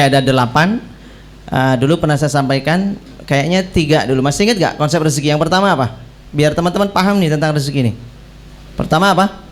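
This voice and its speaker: A man, preaching in a joking, teasing way and acting out the people who ask him questions. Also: sits high. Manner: playful, teasing, acts out questioners. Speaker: Islamic preacher. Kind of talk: joking religious talk to young people.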